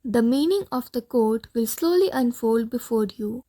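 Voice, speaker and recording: A woman's voice: a little high, animated, moderate pace, warm tone. A woman reading the part of a pompous, bossy male Martian leader in an audiobook play, with a commanding, easily alarmed manner.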